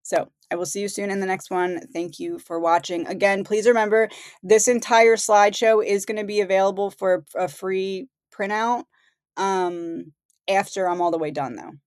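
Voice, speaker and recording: A woman's voice: mid-range voice, fairly even intonation, normal speed, darkish tone, no echo, clean studio sound. A woman losing her voice, reading out headlines and commenting on them in a conversational way as host of her own channel. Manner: conversational, reads headlines aloud. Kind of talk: casual commentary.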